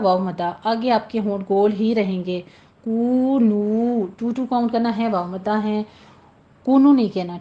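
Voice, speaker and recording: A woman teaching a tajweed lesson, slowly reciting verses and then explaining the pronunciation rules in a plain instructive voice. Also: mid-range voice, lo-fi sound. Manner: slow, deliberate, drawn-out recitation between plain instructions.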